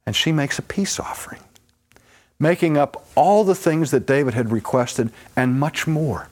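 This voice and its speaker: A man with a voice on the high side preaches a sermon a little slowly, retelling scripture as animated storytelling. He acts out the voices of its characters as he goes.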